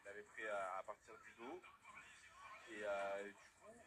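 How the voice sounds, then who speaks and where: A man giving conversational fight analysis as a co-commentator, in halting, hesitant phrases. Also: lowish voice, little pitch movement, background noise. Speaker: expert co-commentator. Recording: music playing under the voice.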